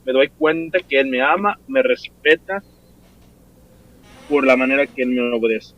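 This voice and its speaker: Calm male pastor, dry sound. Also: mid-range voice, normal speed, no room sound, muffled recording. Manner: calm teaching, frequent fillers.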